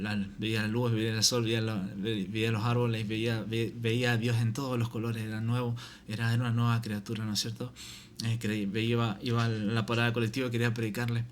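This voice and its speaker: Man, faith testimony, monotone delivery, halting restarts, repeated tag question, faint background hum. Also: lowish voice.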